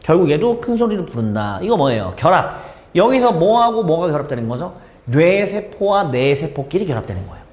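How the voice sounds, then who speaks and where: A man's voice: fairly high pitch, sing-song, brisk, a little mellow, reverberant. A man teaching an English exam lesson, asking the students questions and then answering them himself. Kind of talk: exam explanation lecture.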